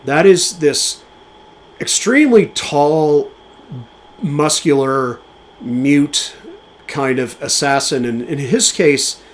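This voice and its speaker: A man co-hosting a podcast, speaking casually and with enthusiasm about film, with fillers and quick restarts. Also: fairly high pitch. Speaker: podcast co-host.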